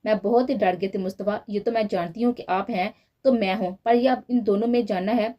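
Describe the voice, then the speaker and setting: A woman voicing a devoted, emotional young wife in a storybook reading, soft and heartfelt. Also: medium pitch, fairly even intonation, fairly quick, muffled recording, lightly acted. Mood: tearful.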